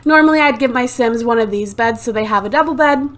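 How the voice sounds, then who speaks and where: Speaking fast in a fairly high voice, a let's play host rambles casually over a life-sim game into a desktop USB mic. She's sick with a sore throat, sounds a bit phlegmy, and keeps dropping "like" and "um" as she chats.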